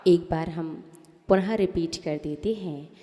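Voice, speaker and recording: A woman, a Jain nun, teaching a hymn in a sermon-style lesson, chanting the verses slowly and correcting pronunciation line by line. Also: lowish voice, dark tone, in a large hall, muffled recording, slight background noise.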